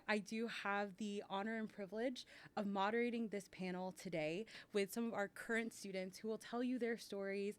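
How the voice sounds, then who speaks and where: A woman who works in university admissions, moderating a student panel in an upbeat, welcoming way. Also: medium pitch.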